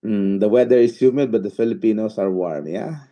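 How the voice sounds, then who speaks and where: A man hosting an interview, asking long halting questions full of uhs and repeated words. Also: fairly low pitch, highs cut off. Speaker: interview host.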